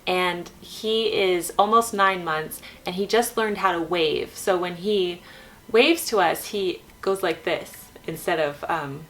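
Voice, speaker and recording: A woman with a slightly low voice hosts a casual, chatty vlog. She talks freely and informally while keeping quiet, as one does at night with a baby asleep in the next room. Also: takes it slowly, low-quality recording. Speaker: host of a chat vlog.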